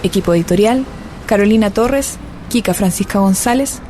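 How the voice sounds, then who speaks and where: Earnest Chilean woman narrating, mellow tone. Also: medium pitch, normal speed, slight background noise. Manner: earnest, rallying. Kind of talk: scripted documentary narration.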